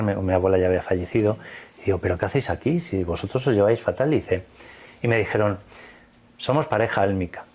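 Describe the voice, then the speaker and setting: A man's voice: on the low side, darkish tone. A man from Spain with a Spanish accent, recounting a personal experience in earnest, vivid detail, quoting the dialogue. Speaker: interview guest.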